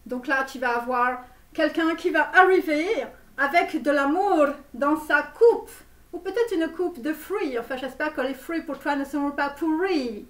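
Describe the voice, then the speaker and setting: A woman's voice: high-pitched, a bit bright. A woman playing a grandiose Romanian-born American tarot guru in a parody reading, with a put-on Romanian accent and English words thrown in. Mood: pompous. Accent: put-on Romanian accent in French. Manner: grandiose, sprinkles English words, drawn-out phrases. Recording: roomy echo, mic far off.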